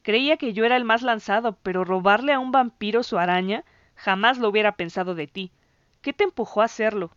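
A woman voicing an excitable boy who stammers and shouts insults at his friend. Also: medium pitch, a little fast, no room sound, dull audio, lightly acted. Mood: wry.

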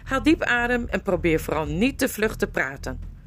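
A woman's voice: medium pitch, big pitch swings, normal speed, a bit bright, slight background noise. A woman voicing an old, hard-of-hearing, irritable male dwarf who mishears everything. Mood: grumbling. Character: old deaf cranky male dwarf regent.

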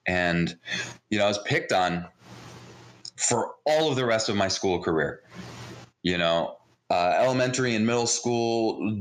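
This podcast guest, a mindset coach born in Israel and brought up in New Jersey, has an American accent and a voice that sits low yet sounds fairly bright. He shares personal stories casually, with an informal, candid manner.

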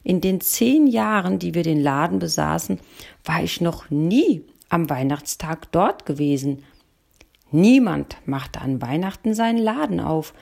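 A woman narrating a first-person story in a calm audiobook reading. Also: on the low side, unhurried, creaky.

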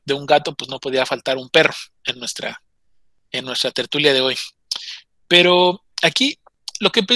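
A man's voice: a little high, no echo. A man casually retelling a short story to a reading circle, acting out the characters' lines. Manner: animated, acts out characters' quoted lines.

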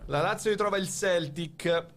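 A man hosting a football quiz with lively banter, speaking in an emphatic, theatrical announcing manner. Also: high-pitched, normal speed, soft background music. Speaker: quiz host.

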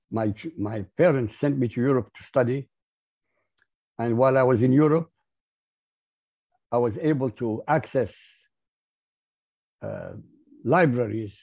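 Husky man with an Arabic accent. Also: mid-range voice. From Iraq. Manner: emphatic, lecturing. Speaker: guest. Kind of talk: interview. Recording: muffled lo-fi audio.

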